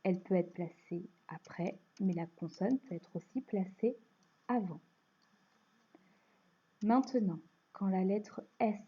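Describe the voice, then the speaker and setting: A woman with a French accent teaching a phonics lesson to young children, explaining slowly and patiently. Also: mid-range voice, warm tone, slightly rough. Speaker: primary school teacher. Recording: dull lo-fi recording.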